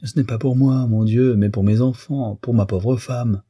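A man's voice: mid-range voice, fairly even intonation, a little slow, mellow, breathy edge, dry recording, clean studio sound, voice pushed up. A man voicing a ruined middle-aged businessman who pleads urgently for a loan. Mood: pleading.

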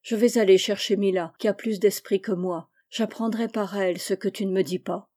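A woman's voice: mid-range voice, fairly even intonation, moderate pace, mellow, lightly acted. A woman reading the part of a loyal young Native man, earnest and devoted.

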